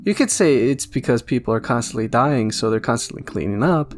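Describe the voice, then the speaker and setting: Speaking quickly and with plenty of animation, this man has a mid-range voice. He's a YouTube video essayist musing loosely on fan theories, cracking jokes at his own expense over background music.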